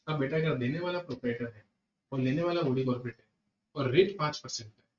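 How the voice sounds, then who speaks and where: An Indian man giving a classroom lecture to students, repeating each point and talking to them directly in an animated way. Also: medium pitch, fast talker. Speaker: GST lecturer. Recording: echoey room, distant muffled mic.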